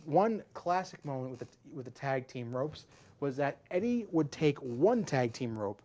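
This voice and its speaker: On a casual wrestling podcast, a male co-host speaks at normal speed with an expressive, dark-toned, mid-range voice. His explanations ramble, with frequent restarts.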